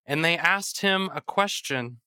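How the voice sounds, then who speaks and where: Slow, forceful pastor at a pulpit microphone. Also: medium pitch, expressive, clean tone, no echo, studio quality. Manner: measured, earnest preaching with prayer. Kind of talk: sermon with scripture reading. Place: church sanctuary.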